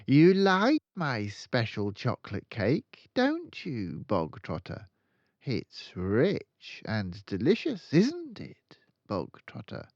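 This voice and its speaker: Screechy raging headmistress, slow drawn-out barks, dry close sound. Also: mid-range voice, sing-song, no echo, lo-fi sound, voice pushed up. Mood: mock-sweet. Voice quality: shrieking, barking. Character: bellowing tyrannical giant headmistress, furious.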